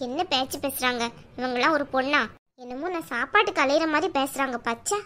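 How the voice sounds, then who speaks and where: A woman's voice: sits high, fairly even intonation, fast, bright, forceful tone. A woman voicing a polite, proud makeup artist in a cartoon. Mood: muttering. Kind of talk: cartoon voice acting.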